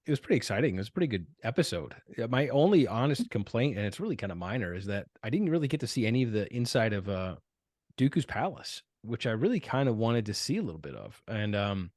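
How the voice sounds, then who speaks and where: Podcast dude, chatty, says kinda a lot, average pitch, dry mic. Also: male voice, very animated, fast, dry recording. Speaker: podcast co-host. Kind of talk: casual podcast discussion.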